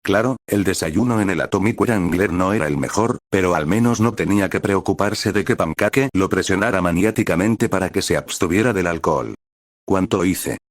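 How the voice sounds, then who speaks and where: Deep-voiced man reading fan fiction. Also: a little fast, few pauses, no echo, studio quality.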